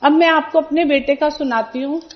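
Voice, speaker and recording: High-voiced woman telling a testimony. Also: steady tone, moderate pace. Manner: earnest storytelling, acting out quoted people. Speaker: devotee giving a testimony. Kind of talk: personal testimony at a religious gathering. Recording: dull lo-fi recording.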